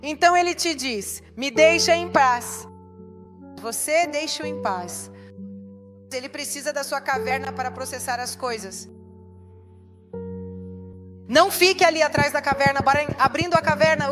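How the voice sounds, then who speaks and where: A woman's voice: high-pitched, expressive, normal speed, long pauses, music in the background. A woman pastor preaching a sermon, emphatic and putting rhetorical questions to the congregation.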